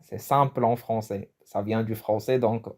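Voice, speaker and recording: A man's voice: on the low side, steady tone, measured pace, a little mellow. A man from Morocco giving a casual, chatty language lesson, often restarting his phrases and laughing at his own jokes. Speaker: language teacher.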